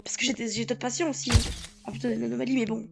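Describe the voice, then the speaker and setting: A woman commentating her game in a chatty, hoarse voice, stammering and bursting into loud outrage at times. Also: on the high side, little pitch movement, very fast. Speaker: gaming YouTuber. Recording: loud game music behind.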